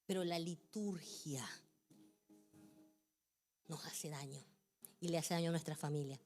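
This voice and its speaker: A middle-aged woman pastor preaching a sermon with passion, moving from hushed phrases up to near shouting. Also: low-pitched, unhurried, soft background music.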